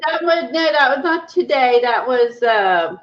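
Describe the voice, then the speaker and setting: A woman's voice: sits high, lively intonation, unhurried. Woman, easygoing friend, frequent laughs, casual chat, slightly muffled sound.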